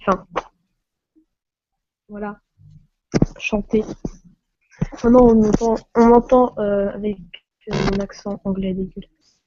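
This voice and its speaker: A woman's voice: fairly high pitch, dark tone, lo-fi sound, a little hiss or hum. Flustered French woman laughing on a stream. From France. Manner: laughing often, flustered by technical trouble. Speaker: live stream host. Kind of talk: casual live stream chat. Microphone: phone.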